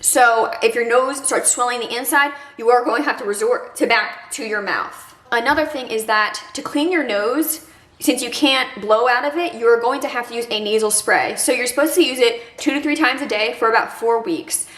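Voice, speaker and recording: A woman's voice: fairly high pitch, moderate pace, fairly bright tone, reverberant. A young woman with a congested nose, chatting casually in an advice vlog, full of fillers. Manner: chatty, many fillers like "like" and "kinda". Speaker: vlogger.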